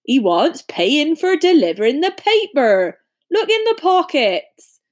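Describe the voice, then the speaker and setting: Woman playing Hagrid, a big gruff rustic giant. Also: high voice, sing-song, takes it slowly, pitched above the performer's own voice, exaggerated voice. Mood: sleepy, grunting. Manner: colloquial, dropped words, grunting.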